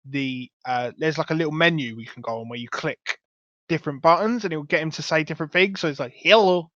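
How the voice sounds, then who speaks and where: Young male host, eager and rambling, a little high-pitched, dull dry mic sound. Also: fast talker, fairly bright tone, dry recording. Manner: chatty, enthusiastic, rambling. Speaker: podcast host. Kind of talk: casual chat.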